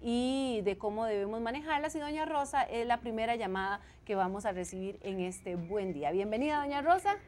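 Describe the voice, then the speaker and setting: A woman's voice: on the high side, lively intonation, a little fast, few pauses, a little mellow, slight background noise. A woman hosting a call-in talk show, announcing the number and welcoming callers. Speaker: program host.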